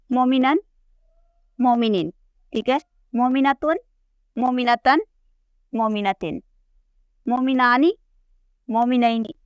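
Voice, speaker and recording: Higher-voiced woman teaching grammar. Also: no echo. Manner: patient, repeats forms and checks in with "theek hai". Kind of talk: classroom lesson explaining a chart.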